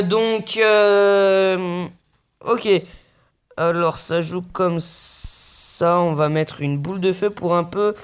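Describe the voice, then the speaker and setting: Slow, swearing young gaming commentator. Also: male voice, high voice, clean tone. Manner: mutters play-by-play, swears often. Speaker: gaming video creator. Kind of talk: casual gameplay commentary.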